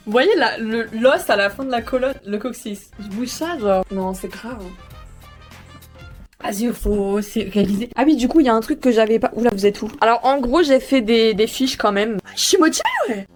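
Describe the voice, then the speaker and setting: A young woman student chatting casually in a vlog, self-mocking and swearing often, recorded in her bedroom. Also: fairly high pitch. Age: young adult. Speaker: student vlogger. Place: bedroom at home.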